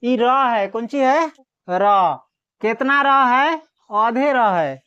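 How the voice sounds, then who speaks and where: A woman teacher giving a classroom lesson on reading Hindi letters. She sounds out letters slowly one by one, then quizzes the class and answers herself. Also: fairly high pitch, animated, a bit bright, clear, resonant tone. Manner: drills by asking questions and answering them herself. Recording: dull lo-fi recording.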